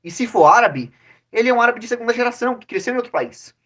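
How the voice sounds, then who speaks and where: A man with a Brazilian Portuguese accent, co-hosting a podcast in casual chat, talking in a blunt, animated way, swearing and breaking off into quick restarts. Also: extremely high pitch, highs cut off. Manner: animated and blunt, swears, trails off into restarts, quickly mimics other people's lines. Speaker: podcast co-host.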